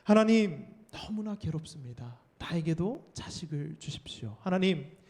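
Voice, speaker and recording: A man's voice: high voice, expressive, moderate pace, warm tone. A man voicing a grieving, childless woman who pleads anguished prayers during a sermon. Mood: pleading.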